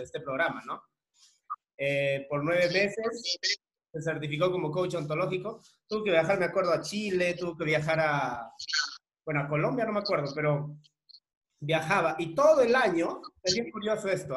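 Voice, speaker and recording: A man's voice: high-pitched, a bit bright, echoey room. A man leads a coaching workshop in a rambling, conversational way, with many tag questions and filler words. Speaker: emotional coach leading a workshop. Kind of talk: conversational group talk.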